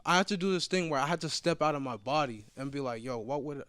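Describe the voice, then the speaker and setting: A man's voice: a little high, fast, smooth, no room sound. A man of twenty-seven telling a story in a casual group talk, swearing freely and acting out what people said. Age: 20s. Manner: profane, animated storytelling.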